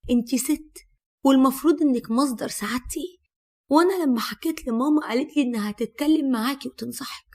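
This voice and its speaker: A woman's voice: sits high, quick pace, darkish tone. A woman with an Egyptian accent voicing a stubborn, defensive young husband who talks in an insistent, dismissive way.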